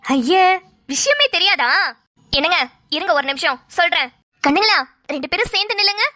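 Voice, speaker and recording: A no-nonsense cartoon mother gives orders with fond firmness, as a woman puts her on. Her voice is high and bright, and she talks briskly. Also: big pitch swings, no echo, clean studio sound, full character voice. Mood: commanding. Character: bossy, caring middle-aged mother-in-law. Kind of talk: cartoon voice acting.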